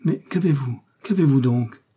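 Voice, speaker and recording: A man's voice: mid-range voice, fairly even intonation, normal speed, warm tone, husky, pitched above the performer's own voice, close to an everyday voice. A man reading aloud, voicing a tender, anxious young woman with a pleading, trembling manner. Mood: frightened pleading.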